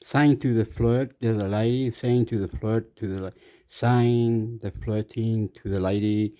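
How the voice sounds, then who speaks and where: A man's voice: fairly low pitch, fairly even intonation, measured pace, warm tone. A man from Chile, rambling through casual commentary, repeating himself and laughing often. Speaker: vlogger commenting on a video.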